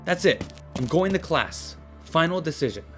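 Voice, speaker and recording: A wisecracking teenage cartoon superhero played by a man, with a fairly high, very animated voice. He sounds youthful, wry and earnest. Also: normal speed, over music, natural voice. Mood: conflicted.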